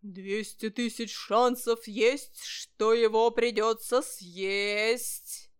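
A woman voicing playful ghosts in a storybook reading, shrieking and cackling a slow chant. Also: fairly high pitch, steady tone, clear, resonant tone. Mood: spooky.

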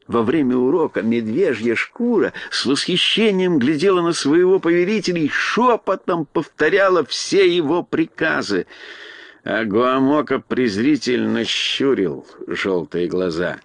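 A man reading a children's storybook aloud in expressive scripted narration. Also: medium pitch, a little slow, no echo. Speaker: audiobook narrator.

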